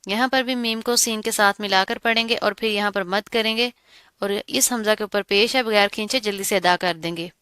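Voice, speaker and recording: A woman teaching a Quran recitation lesson, explaining each rule step by step and repeating words slowly. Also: medium pitch, fairly even intonation, a bit bright, clear, resonant tone, no room sound, studio quality. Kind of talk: tajweed lesson.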